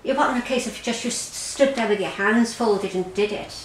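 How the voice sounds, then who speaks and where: An Irish woman recounts her own experience in a conversational interview, often halting and repeating words. Her voice sits in a roomy, echoing space with a faint hiss underneath. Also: medium pitch. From Ireland. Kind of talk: personal testimony in an interview. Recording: roomy echo, faint background noise.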